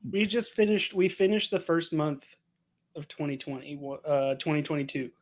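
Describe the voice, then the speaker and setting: A man's voice: on the high side, normal speed. A young man co-hosting a podcast, chatting casually and rambling with lots of "like". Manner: rambling, uses "like" a lot. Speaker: podcast co-host. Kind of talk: casual chat.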